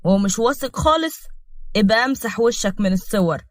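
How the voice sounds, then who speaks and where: A woman's voice: fairly high pitch, expressive, brisk, no echo, studio quality, lightly acted. Woman voicing a gloating vengeful Egyptian man. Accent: Egyptian Arabic. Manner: gloating, scheming. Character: vengeful scheming man seeking revenge.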